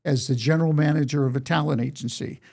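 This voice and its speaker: Speaking quickly with fairly even intonation, a man in his 80s shares life stories as a guest in a conversational interview, quoting remembered exchanges as he goes; he is a songwriter and storyteller. His voice is a little high, with vocal fry and a darkish tone.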